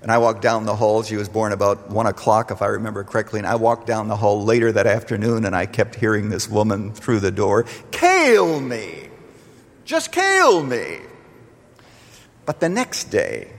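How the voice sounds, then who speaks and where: An older man from Canada preaching a radio sermon as pastor, animated, swelling to emphatic peaks and dropping low. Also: brisk, few pauses, in a large hall.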